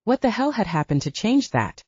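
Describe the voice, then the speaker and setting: A woman narrating a romance audiobook with expressive storytelling. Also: medium pitch, moderate pace, husky, dry recording, dull audio. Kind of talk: scripted narration.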